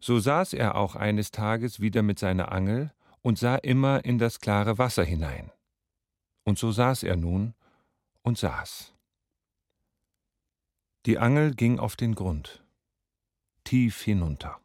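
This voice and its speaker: A man reads a fairy tale aloud in a low voice. He tells it very slowly with a lively, expressive melody. The recording is dry and close. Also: no echo. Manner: slow expressive storytelling. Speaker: storyteller.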